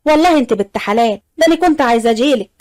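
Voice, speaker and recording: A woman's voice: a little high, animated, rapid-fire, a little mellow, lightly acted. A woman voicing a scheming, domineering lady of the house who speaks in a commanding, threatening way. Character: sharp-tongued scheming woman, bossy toward servants.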